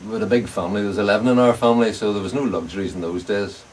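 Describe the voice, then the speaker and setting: An older Northern Irish man, around 70 or above, reminisces casually in an Ulster accent while being interviewed about his life as a bicycle frame builder and veteran club racing cyclist. His lowish, slightly mellow voice runs very fast. The mic is distant, with clear background noise.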